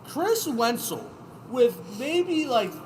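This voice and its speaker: A man's voice: very high-pitched, very animated, extremely slow, darkish tone, slight background noise, rough recording. A man hosting a casual podcast, reading out race results and joking with the others. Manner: joking, laughs through results. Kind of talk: casual banter.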